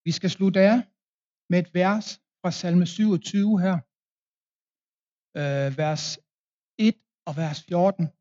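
A man's voice: high-pitched, long pauses, dark tone, muffled recording. A man preaching a confirmation sermon in a Danish accent, telling a plain story with fillers and restarts.

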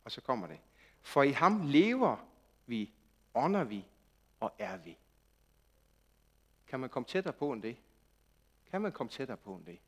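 A man preaching a sermon, moving from quiet, intimate passages to loud, impassioned outbursts. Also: mid-range voice. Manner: animated, swings from quiet intimacy to loud shouting.

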